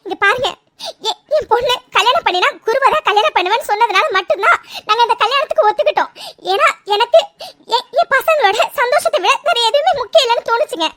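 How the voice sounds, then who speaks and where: A woman's voice: very high-pitched, lively intonation, fast talker, fairly bright tone. A woman voicing a tearful mother who pleads and stammers as she begs another family to accept her daughter's marriage. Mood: pleading.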